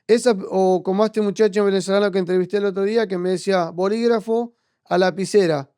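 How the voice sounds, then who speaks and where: A man with an Argentine accent, interviewing a guest in a reflective, halting way. His voice sits fairly high and sounds clear, recorded dry and close. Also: steady tone, a little mellow, no room sound. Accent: Argentine Spanish. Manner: reflective, hesitant, restarts often. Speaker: podcast host. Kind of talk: conversational interview.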